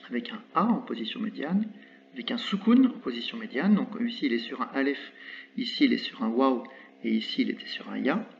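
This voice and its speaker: A man explaining Arabic letters in French, patiently repeating example words slowly with small hesitations. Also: mid-range voice, gravelly. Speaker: Arabic teacher. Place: indoors with birds audible outside. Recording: slightly dull recording with faint background noise.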